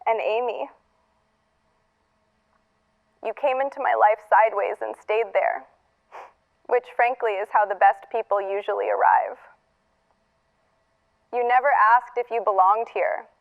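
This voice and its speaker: Creaky, on the high side, and fairly even in intonation, an actress voices a wry, tender older woman saying a final farewell in audio fiction. The reflective, halting message plays back through a narrow filter, thin and phone-like.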